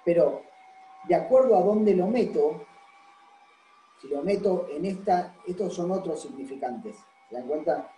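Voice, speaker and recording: A man's voice: high voice, animated, unhurried, mellow, echoey room, slight background noise, low-quality recording. A man giving a university lecture. He explains patiently and keeps checking that the class follows. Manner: explanatory, constantly checks understanding with "¿sí?".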